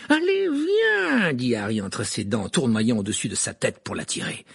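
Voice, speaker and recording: A man reading a novel aloud as narrator, expressive and storytelling. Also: lowish voice, brisk. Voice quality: gravelly, raspy. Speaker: audiobook narrator.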